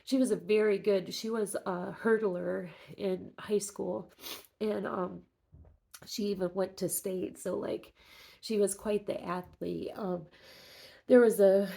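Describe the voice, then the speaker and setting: A middle-aged woman talking casually in a personal vlog update, halting and reflective, sounding emotional as after crying. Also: medium pitch, steady tone, creaky, dark tone. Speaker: fitness vlogger.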